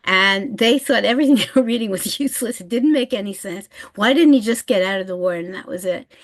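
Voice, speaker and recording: Older woman, historian panelist, measured webinar talk, mid-pitched voice over a call mic. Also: low-quality recording. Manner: thoughtful, measured, some restarts. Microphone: video call.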